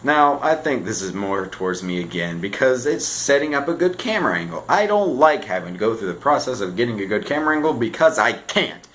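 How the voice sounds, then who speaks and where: A teenage boy making a comedic vlog, animated and self-mocking, swinging between loud bursts and mumbled asides. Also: medium pitch, fairly quick, few pauses, a little hiss or hum, poor audio. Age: teens. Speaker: vlogger. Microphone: camera on a shaky stand.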